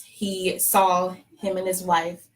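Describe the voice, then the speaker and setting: A woman's voice: lowish voice, monotone, slow, low-quality recording. A woman with a Texan accent, telling a personal story in a casual live-stream chat, laughing often as she talks. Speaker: fertility clinic staffer sharing her story.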